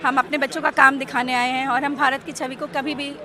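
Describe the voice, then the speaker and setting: A woman's voice: sits high, little pitch movement, a little fast. A woman professor answering reporters earnestly and defensively, slipping into English phrases. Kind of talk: press statement to reporters. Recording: loud crowd behind.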